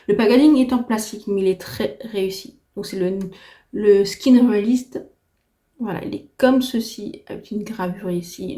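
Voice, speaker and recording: A woman's voice: mid-range voice, warm tone. A woman giving a chatty, enthusiastic beauty review to camera, her unsteady voice giving out after a heavy cold. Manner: chatty, enthusiastic, repetitive emphasis. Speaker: beauty vlogger. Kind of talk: casual product review to camera.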